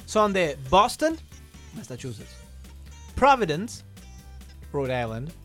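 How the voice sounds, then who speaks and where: Quiz host: Rioplatense woman, lively pitch, casual and stumbling, light music bed. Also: takes it slowly. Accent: Rioplatense Spanish. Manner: animated, reads questions with stumbles and laughs. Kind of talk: casual trivia quiz chat.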